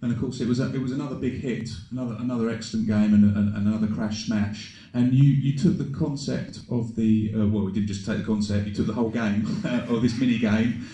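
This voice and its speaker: Bloke hosting a live panel, darkish voice, echoey hall. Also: male voice, fairly low pitch, fairly even intonation, quick pace, hardly any pauses, warm tone. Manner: genial, chatty, filler-heavy. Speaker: panel host.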